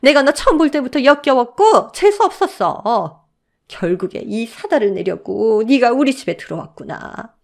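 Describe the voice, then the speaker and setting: A woman voicing a harsh, spiteful older mother-in-law who scolds in a shrill voice. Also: big pitch swings, a little fast, warm tone. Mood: screaming.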